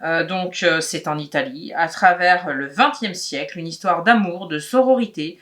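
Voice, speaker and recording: A woman co-hosting a book channel, casually presenting new releases with frequent pauses and fillers. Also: fairly low pitch, a bit bright.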